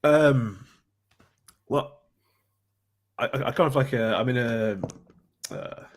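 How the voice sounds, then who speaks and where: A man's voice: mid-range voice, takes it slowly. A man, chatting casually as a guest and often restarting his sentences. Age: 20s. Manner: hesitant, many restarts and fillers. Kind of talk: casual chat.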